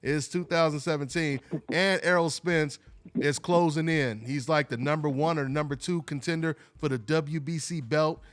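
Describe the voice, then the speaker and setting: Slightly high-voiced man hosting a call-in show. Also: fairly even intonation, normal speed. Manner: loose, rambling, restarts and "you know, man". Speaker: host of a call-in boxing show. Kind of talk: casual call-in radio talk.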